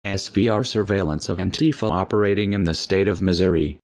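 Man with a disguised deep voice, dry. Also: fairly quick, a little mellow, no room sound. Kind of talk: scripted narration of an anonymous message.

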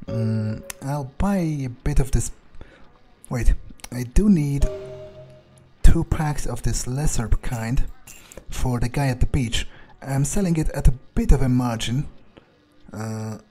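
Faint music plays behind a man who speaks slowly in a dark-toned, medium-pitched voice. He is a gamer roleplaying in character, musing hesitantly over his character's thoughts and muttering curses.

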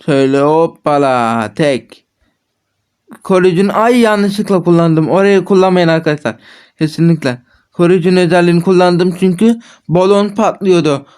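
A man's voice: high-pitched, normal speed, darkish tone, smooth. A man hosting a gaming channel, giving chatty, casual gameplay commentary and correcting himself often as he talks to viewers. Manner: chatty, self-correcting, addresses viewers as friends. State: frustrated after repeated mistakes.

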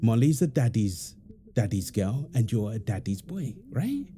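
A roleplay audio performer plays a playful, teasing young husband and doting father in an intimate, affectionate domestic ASMR scene full of chuckling banter. His voice is on the low side, very animated, unhurried and mellow, with a slight hiss or hum.

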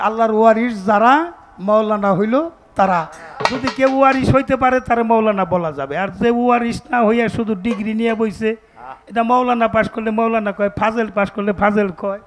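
Man singing pala gaan on stage, very high voice, loud folk band behind. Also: fairly quick, soft background music. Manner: sings verses then explains in rustic spoken rhythm. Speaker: folk debate singer. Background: folk instruments.

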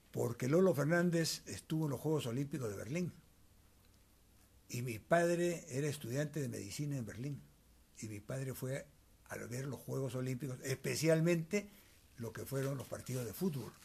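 This is a reminiscing interview with an older Peruvian man, recorded in a small cluttered room on a handheld wired mic the interviewer holds out to him. His voice sits at medium pitch, darkish and husky, with vocal fry and lively intonation. He spins his memories slowly and deliberately, adding asides as he goes.

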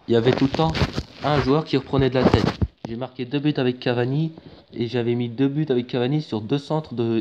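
A man commentating his own football video game match in a casual, excitable way, rising to shouts at big moments, with lots of fillers. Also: medium pitch. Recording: dull lo-fi home mic with faint noise.

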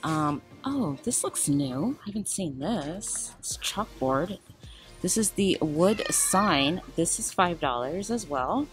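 A woman's voice: fairly low pitch, animated, slow pace, faint music behind. A woman casually narrating a shopping walkthrough in a large store, reading out items and prices as she films on her phone. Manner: chatty, reads out prices and labels. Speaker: shopping vlogger. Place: large retail store indoors. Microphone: handheld phone camera.

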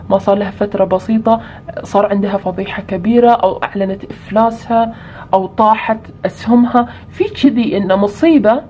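A woman's voice: mid-range voice, a little mellow, muffled recording, a little hiss or hum. A woman giving a tarot reading, explaining each point with repeated either-or examples. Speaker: tarot reader.

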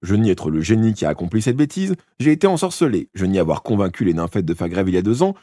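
A man voicing a mischievous, defiant young boy in an audiobook, raising his voice high and loud. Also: very animated, fast, no room sound, studio quality. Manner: bright, insistent denials. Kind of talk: audiobook character voice.

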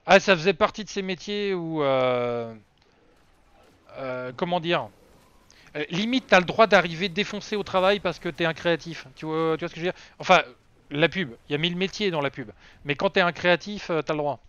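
Streamer, homme, voix haute et nette, parle en vrac, son sec. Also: male voice, fairly high pitch, moderate pace, a bit bright, clean tone, no echo. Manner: rambling, self-mocking, many fillers. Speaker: game streamer. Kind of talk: casual live-stream chat. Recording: dry, slightly dull lo-fi sound.

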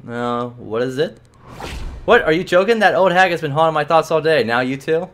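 A man's voice: on the high side, expressive, normal speed, a bit bright, voice pushed up. A man voicing a rude, bored, heavyset male archive clerk who grumbles and brushes people off, reading a game's dialogue aloud. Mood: surly. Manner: surly, dismissive, grumbling.

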